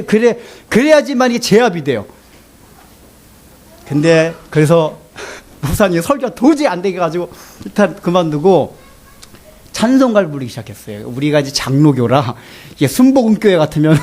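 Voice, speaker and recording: A man preaching a sermon as a pastor, telling a story in an animated way and often laughing. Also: sits high.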